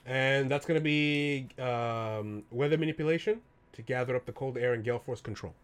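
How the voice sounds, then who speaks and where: A man's voice: medium pitch, moderate pace, smooth. A man playing in a tabletop game, joking and hesitant, with many fillers. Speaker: player. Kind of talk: casual tabletop play.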